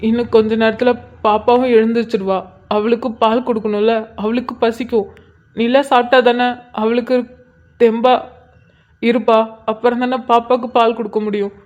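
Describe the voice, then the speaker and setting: A woman's voice: fairly high pitch, little pitch movement, normal speed, highs cut off, close to an everyday voice. Woman voicing heartbroken young husband. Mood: urging. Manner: emotional, tearful. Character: grieving young husband, hurt and pleading. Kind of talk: cartoon voice acting.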